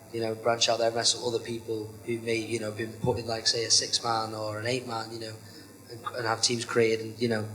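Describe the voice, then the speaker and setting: A young man, a pro wrestler appearing as an interview guest, speaks at medium pitch in a rough recording with an echoey room and slight background noise. His casual talk rambles with plenty of "you know" fillers, and he calls himself monotone.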